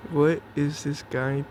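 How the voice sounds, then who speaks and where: A man's voice: mid-range voice, gravelly, a little hiss or hum. A young man giving casual, jokey commentary on his own match, talking to himself and to his opponent. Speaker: gameplay commentator. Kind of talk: live gameplay commentary.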